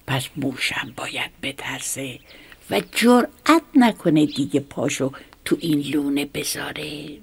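A woman's voice: low voice, creaky, slightly rough, exaggerated voice. Woman whispering as a lazy bully snake. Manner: drowsy, slow and threatening. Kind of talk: whispered role-play.

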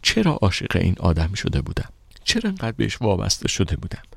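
A man narrating an audiobook in the first person with steady, measured storytelling. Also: low-pitched, vocal fry, dry recording, studio quality.

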